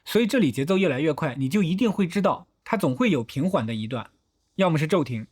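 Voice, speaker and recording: A man's voice: on the high side, expressive, fast, darkish tone, breathy edge. A man hosting a film analysis video, talking through each shot step by step in a methodical, explanatory way. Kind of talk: explanatory film breakdown narration.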